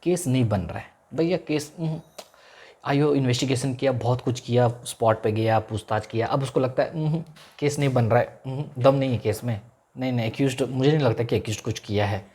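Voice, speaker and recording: A male law lecturer with a mellow, husky, mid-range voice gives a classroom lecture, repeating each key term as a call-and-response question. He mixes in English legal phrases and draws them out slowly.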